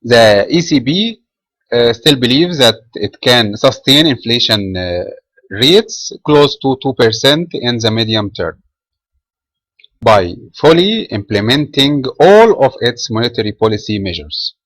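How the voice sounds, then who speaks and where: A man from Egypt, a trading trainer, reading a market commentary webinar from a script in a measured way with small filler pauses. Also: medium pitch, big pitch swings, a bit bright, no echo, rough recording.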